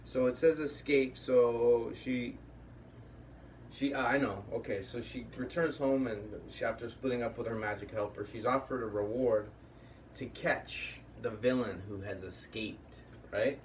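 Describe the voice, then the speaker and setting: This puppetry workshop host speaks at a medium pitch and a somewhat slow pace, leading the session casually and off the cuff, rambling as he thinks out loud. A distant mic picks him up with faint room noise.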